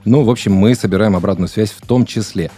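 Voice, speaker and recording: A man's voice: fairly low pitch, fast talker, warm tone, husky, faint music behind. A man around forty hosting a casual studio podcast, blunt and joking, with crude slang. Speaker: podcast host.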